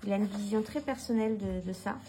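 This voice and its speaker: A woman speaks fast in a medium-pitched, mellow voice, soft music playing under poor audio. As a tarot reader showing off books in casual vlog talk, she's hesitant and informal, restarting often, using many fillers, speaking frankly and swearing a little.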